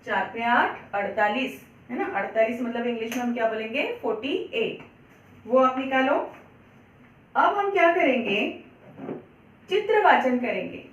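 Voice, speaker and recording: A woman's voice: a little high, expressive, echoey room, far from the mic, poor audio. A woman teaching a Hindi class to young children, patiently spelling out words, asking questions and answering them herself. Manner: patient, repeats words slowly, asks and answers own questions. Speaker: primary school Hindi teacher. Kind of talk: children's online lesson.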